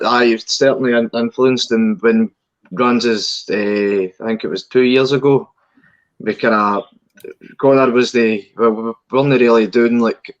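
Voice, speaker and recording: Scottish musician guy chatting on a podcast, laid back, bit muffled. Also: mid-range voice. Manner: easygoing, brief agreeing replies. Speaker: guest musician. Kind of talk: casual chat.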